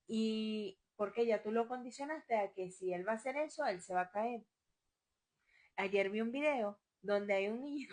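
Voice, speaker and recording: A woman's voice: medium pitch, a little mellow. A woman giving a live talk on parenting, speaking emphatically and repeating her questions.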